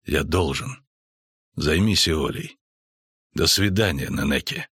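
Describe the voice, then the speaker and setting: A man voicing a grim, weary male monster hunter in an audiobook, with a terse, flat delivery. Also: very deep voice, takes it slowly, slightly rough, no room sound, studio quality, pitched below the performer's own voice, full character voice. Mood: somber.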